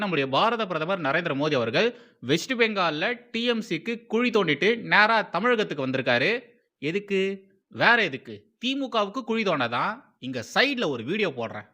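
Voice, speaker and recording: High, lively, scornful commentator man. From Tamil Nadu. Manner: heated, scornful ranting. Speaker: political commentator. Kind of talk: political commentary.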